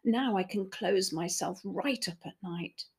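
A woman voicing a sad, polite giant river clam in a storybook, in a high, plaintive voice. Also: measured pace, creaky, husky, full character voice. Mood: relieved.

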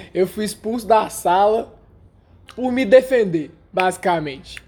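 A man's voice: sits high, lively intonation, slow, a little mellow, soft background music. A young man, telling a story in casual slang, laughing now and then. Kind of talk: casual chat.

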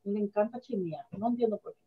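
A woman's voice: medium pitch, fairly quick. A woman in a casual group chat, cutting in with blunt remarks. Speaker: panelist. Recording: dull lo-fi sound.

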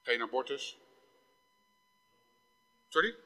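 A man's voice: mid-range voice, big pitch swings, takes it slowly, pushed and bright. A man preaching a sermon in a church, talking conversationally and reading scripture aloud with dramatic force. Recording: reverberant church hall.

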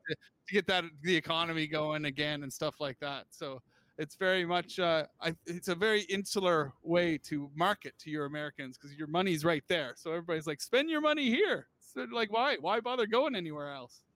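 A man's voice: fairly high pitch, brisk, a bit bright. A man co-hosting a podcast, chatting casually and dropping in short agreeing replies. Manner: conversational, brief agreeing interjections. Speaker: podcast co-host.

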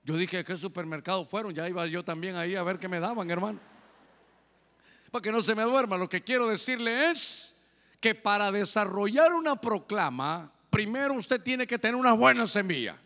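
A man's voice: high-pitched, expressive, normal speed, bright, forceful tone, big-room sound. A man preaching a sermon as pastor, telling stories and calling his listeners "brother".

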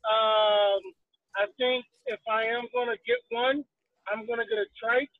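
A man with a strikingly high voice talks loosely and jokes at his own expense. He comes through a muffled remote call line on a bad connection that keeps dropping out. The sound is close and dry. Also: fairly even intonation, a little slow, dry recording. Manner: joking and self-mocking. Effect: bad call connection that cuts out. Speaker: podcast co-host calling in. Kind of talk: casual chat.

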